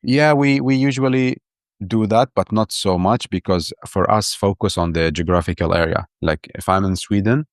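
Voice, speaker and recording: Clean studio audio with no room sound carries a low, clear-toned male voice. The speaker, an Iraqi urban planner in his thirties, is a podcast guest in a casual interview who talks with enthusiasm while regularly restarting and repeating his words.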